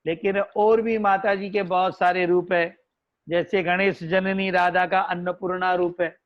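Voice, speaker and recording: A man with a Hindi accent delivers an unhurried devotional discourse, drawing out his words and slipping into chanted, melodic verses. His voice sits high for a man. The recording is dull and lo-fi. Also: little pitch movement. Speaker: religious storyteller.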